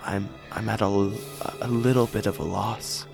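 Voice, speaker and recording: A man playing a tabletop game, questioning in character with a halting, stammering delivery that repeats words. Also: fairly low pitch, fairly even intonation, vocal fry, over music. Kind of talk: improvised role-play, questioning in character.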